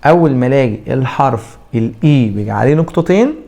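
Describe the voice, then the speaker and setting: A man with an Egyptian Arabic accent teaching a French pronunciation lesson, drawing out example words slowly and answering his own questions. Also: medium pitch, lively intonation, gravelly, mellow. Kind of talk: classroom lesson.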